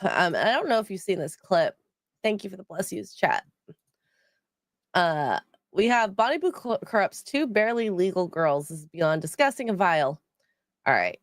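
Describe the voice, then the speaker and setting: A woman's voice: on the low side, big pitch swings, moderate pace, no room sound, clean studio sound. A woman hosting a casual livestream chat, sounding nasal from a cold, rambling with many ums as she reads out donations. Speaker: stream co-host.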